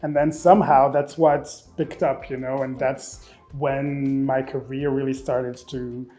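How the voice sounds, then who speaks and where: A man in his thirties from Rwanda who grew up in Belgium, a makeup artist speaking casually in an interview, expressive and often repeating words as he thinks. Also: medium pitch, measured pace, soft background music. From Rwanda, raised in Belgium.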